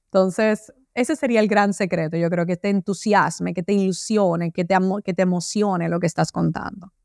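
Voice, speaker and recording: A middle-aged woman, a podcast guest, telling stories with animated energy and acting out little voices. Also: fairly low pitch, moderate pace, vocal fry, no echo, studio quality. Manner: animated storyteller, acts out voices. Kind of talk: interview conversation.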